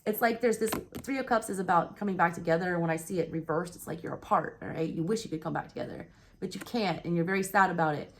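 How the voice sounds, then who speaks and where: A woman's voice: fairly low pitch, fast talker, slight background noise. A woman with a Southern US accent giving a blunt, casual tarot reading, swearing freely and checking in with "all right?" while hiccuping. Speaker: tarot reader.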